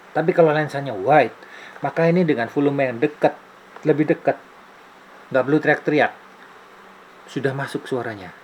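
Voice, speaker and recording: A man's voice: fairly high pitch, darkish tone, a little hiss or hum, poor audio. A man in his late forties explaining his camera gear in a casual vlog, chatty and demonstrative, talking close to a camera-mounted mic indoors. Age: 40s. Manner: chatty, demonstrative, thinks aloud with fillers. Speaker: YouTuber reviewing camera gear. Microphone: camera-mounted microphone close to speaker.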